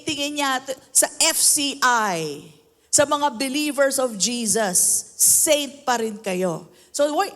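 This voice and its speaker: A Filipino woman pastor delivers a sermon in a high voice, unhurried and deliberate. She mixes Tagalog with English and keeps asking the congregation for amens. Her voice rings with a long reverb, as in a large hall. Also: fairly bright tone.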